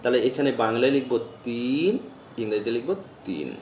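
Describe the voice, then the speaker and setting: A man teaching a primary school lesson, gentle and patient, spelling words out slowly in a sing-song chant. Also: medium pitch, echoey room, far from the mic, a little hiss or hum. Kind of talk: children's Bengali lesson.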